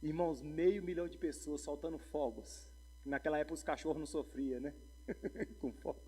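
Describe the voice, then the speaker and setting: A pastor, preaching a sermon full of humorous stories and calls to the congregation. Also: male voice, fairly high pitch, huge pitch swings, moderate pace, warm tone, slightly rough. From Brazil. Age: 40s. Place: church sanctuary. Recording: long church hall reverb.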